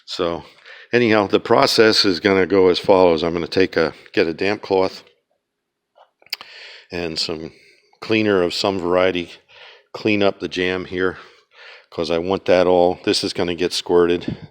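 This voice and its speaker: A man from Pennsylvania giving a casual, halting walk-around of his car restoration project, with lots of ums and uhs, filmed on a handheld camera in a garage. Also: low voice, steady tone, clear, resonant tone. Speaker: DIY car restoration vlogger.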